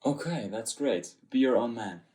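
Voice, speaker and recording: A man's voice: medium pitch, expressive, normal speed, warm tone, echoey room. A man hosting an interview, asking questions in a hesitant way with many fillers. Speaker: host. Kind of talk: interview host.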